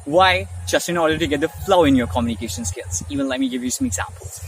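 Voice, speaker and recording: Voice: mid-range voice, sing-song, vocal fry. Chatty speaking coach, distant faint-noise mic. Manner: chatty, asks "right?" often, slows down for examples. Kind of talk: casual online lesson.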